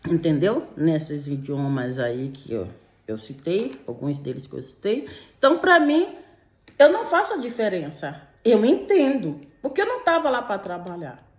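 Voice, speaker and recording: A woman's voice: lowish voice, big pitch swings, moderate pace, darkish tone. A woman and interpreter telling her own true paranormal story in an emotional, confiding way, speaking straight to her listeners. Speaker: legal and medical interpreter. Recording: roomy echo.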